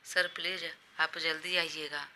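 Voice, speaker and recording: A woman's voice: low voice, little pitch movement, measured pace, sharp tone, slight background noise, heavily acted. A woman doing a coaxing female assistant. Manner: pleading, coaxing.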